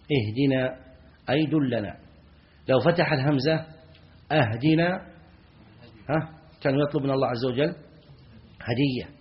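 A man teaching a classroom lesson on a classical text, with a voice of middling pitch. He reads a passage slowly, then explains it, often asking the students short questions and repeating key words. The recording sounds dull and lo-fi. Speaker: Islamic scholar teaching a jurisprudence text.

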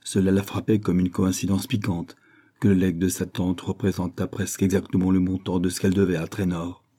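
A man reading a classic novel aloud as a measured audiobook narrator. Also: low-pitched, level tone, warm tone. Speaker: audiobook reader. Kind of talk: scripted narration.

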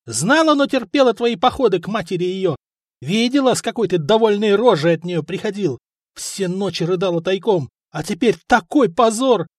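Man doing a spiteful chieftain's wife, shrill, scolding, high voice, dry sound. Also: expressive, normal speed, no room sound. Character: spiteful scheming middle-aged wife of a chieftain. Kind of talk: audiobook character voice.

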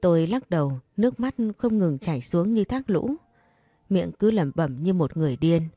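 A woman narrating a first-person romance story in a steady, reflective way. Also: on the low side, moderate pace, dry recording.

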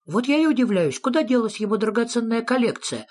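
Reader doing a whiny small creature, high pitch, pushy, breathy voice, storybook. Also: big pitch swings, brisk, a little mellow. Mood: insistent. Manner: whiny, insistent. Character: small greedy fussy young male creature. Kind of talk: audiobook reading.

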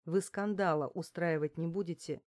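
A wary female restaurant manager, as a woman reader puts her on. She speaks in nervous, hushed warnings, her voice lowish and the sound dry and close. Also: moderate pace, dry recording, close to an everyday voice.

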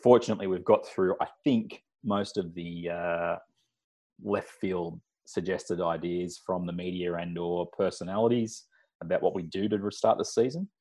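A man's voice: deep voice, steady tone, normal speed, a little mellow. A man with an Australian accent hosting a casual sports podcast in a bantering, teasing way. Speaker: podcast host. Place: large echoey room at home.

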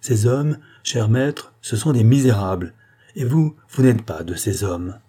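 An earnest, principled doctor, read by a man who presses back with indignant, pleading questions. His voice is husky and dark. It sounds like an audiobook character reading. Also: medium pitch, animated, unhurried.

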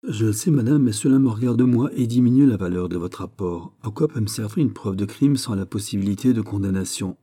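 A cold, calculating royal minister, read by a man in an audiobook, guarded and formal in every phrase. The voice is low and very dark, with a mellow, unhurried weight. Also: natural voice. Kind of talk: audiobook character reading.

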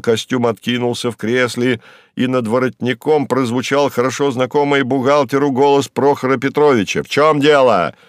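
A man reading a novel aloud as an audiobook narrator, theatrical and expressive. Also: medium pitch, vocal fry, no echo, studio quality.

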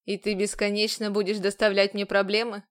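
Brief: woman reading a harsh, scornful male commander, audiobook, lowered voice, loud and commanding. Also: flat delivery, brisk, natural voice. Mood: stern. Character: stern scornful male commander, adult, domineering.

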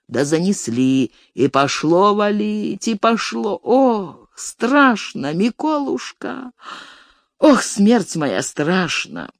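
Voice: medium pitch, no room sound, clean studio sound. A reader voicing a frightened old male farm steward who pleads and wails in folksy rustic speech, in a storybook reading.

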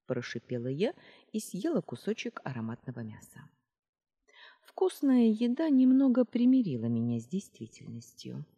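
A woman reading the part of an earnest young woman shopkeeper who is quick to take offence. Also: low voice, dark tone, husky, full character voice. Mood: indignant. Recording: roomy reverb.

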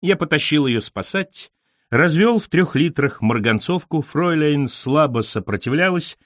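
A man's voice: a little high, expressive, unhurried, a bit bright, dry recording. Dry-voiced man reading a wry story. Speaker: narrator.

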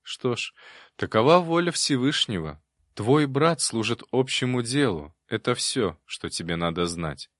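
A man voicing a cold, commanding monastery abbot who speaks sternly and in measured phrases. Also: medium pitch, expressive, no room sound, clean studio sound, close to an everyday voice.

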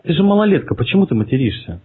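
Husky-voiced man on a tinny phone line. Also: a little high, big pitch swings, racing. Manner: mocking, provocative, swearing. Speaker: prank caller. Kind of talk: prank phone call.

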